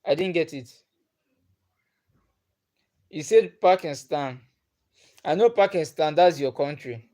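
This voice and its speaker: With an expressive, warm voice pitched a little high, a man speaks slowly and pauses often while hosting a livestream. He reads comments in casual chat. Igbo is his first language; he's patient, repeats himself, and chuckles a lot.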